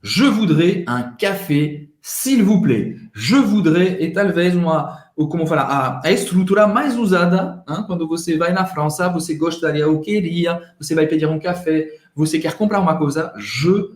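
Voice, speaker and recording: A woman's voice: on the low side, moderate pace, few pauses, a little mellow, echoey room. A woman with a Pernambuco accent from Brazil, co-teaching French in Portuguese, encouraging and repeating examples. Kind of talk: bilingual French lesson.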